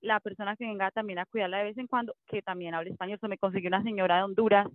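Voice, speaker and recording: In a casual conversation as a guest, a mother talks quickly about bringing up her daughter while dropping in English filler words. Her pitch is medium and steady, and the recording sounds thin and phone-like, dry with no echo.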